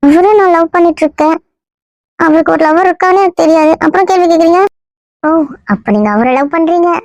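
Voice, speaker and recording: Man putting on a coy high young woman. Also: fairly quick, no echo. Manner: coy, teasing, feigning innocence. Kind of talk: comedy skit role-play.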